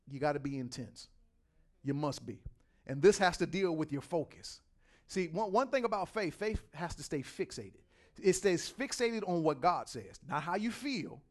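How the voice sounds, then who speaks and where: A middle-aged male pastor preaching a sermon, repeating words and swinging from quiet asides to loud, driving points. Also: on the high side.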